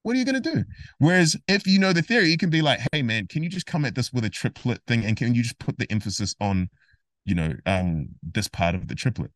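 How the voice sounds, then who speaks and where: A man talks on a casual podcast with lively, emphatic energy and often slips into imagined exchanges to make his point. His voice sits in a middle register. The sound is dry and close. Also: medium pitch, brisk, no echo. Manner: animated, emphatic, acts out imagined dialogue. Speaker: guest, rapper and music theory educator.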